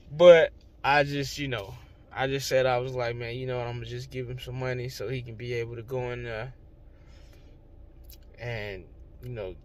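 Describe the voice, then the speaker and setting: A man's voice: medium pitch, steady tone, a little slow, pauses often. A young man, talking in a casual, emotional, rambling vlog. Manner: emotional, heartfelt, slangy and rambling. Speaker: vlogger. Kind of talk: casual vlog talk to camera.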